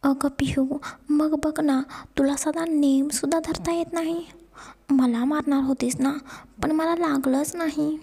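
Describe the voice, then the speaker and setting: A woman voicing a playful, teasing young husband in a storybook romance, speaking softly in a half-whisper. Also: sits high, steady tone, unhurried, pitched above the performer's own voice. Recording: long reverb.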